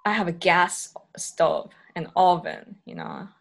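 A woman's voice: lowish voice, measured pace, gravelly. Woman, podcast guest, casual chat, fillers, laughs. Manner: chatty, many fillers, playful laughs.

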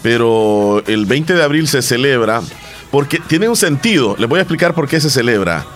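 A man's voice: mid-range voice, sing-song, normal speed. Male co-host, easygoing and joking, light music bed. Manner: playful, laughs at himself. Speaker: radio show host. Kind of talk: casual chat show.

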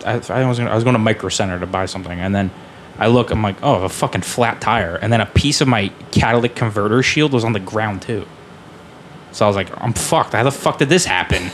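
A man's voice: lowish voice, fast, a little hiss or hum. A man co-hosting a podcast, chatting casually and slangily with casual swearing. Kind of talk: casual chat.

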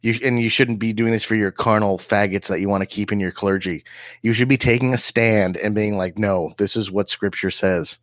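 Guy ranting on a podcast, low voice, dead dry sound, laughs a lot. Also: fairly even intonation, moderate pace, a bit bright, no room sound. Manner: heated, ranting, laughs often. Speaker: podcast co-host. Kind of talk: casual podcast banter.

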